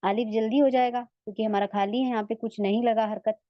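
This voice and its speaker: A woman's voice: fairly high pitch, fairly even intonation, fairly quick, no echo, highs cut off. A woman with an Urdu accent teaching a Quran recitation lesson online, patiently asking her students whether they follow and stretching out the sounds she demonstrates. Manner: patient, asks checking questions.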